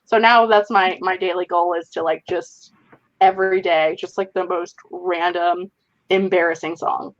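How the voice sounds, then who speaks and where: A woman's voice: fairly low pitch, fairly even intonation, normal speed, dull audio. A middle-aged woman hosting a casual group video chat, talking in a rambling way full of fillers. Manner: chatty, rambling with many "like" fillers. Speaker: host.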